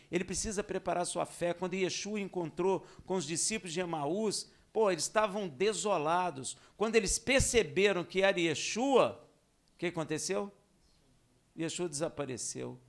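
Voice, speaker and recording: High gravelly preacher man, animated. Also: normal speed. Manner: animated, rhetorical questions to the congregation. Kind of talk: sermon. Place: synagogue service hall.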